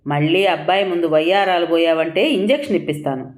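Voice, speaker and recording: A woman's voice: fairly low pitch, fast talker, close to an everyday voice. A woman voicing a cruel, domineering old mother-in-law. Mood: scolding. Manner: harsh, scolding.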